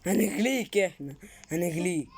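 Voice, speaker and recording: The speaker is a woman gamer with an Egyptian Arabic accent creating a Roblox role-play film, improvising casually with exclamations, questions and repeated phrases. Her fairly low voice is animated and a little mellow with a breathy edge, at normal speed.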